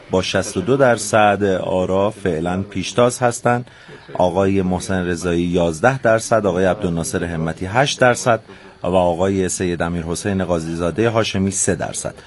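A man hosting a live radio news broadcast, speaking in formal, polite on-air phrasing. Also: low-pitched.

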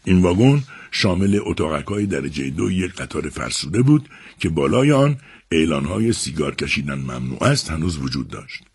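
A man narrating a serialized novel adaptation on a radio book program, with measured, expressive storytelling. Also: low voice, vocal fry, breathy edge.

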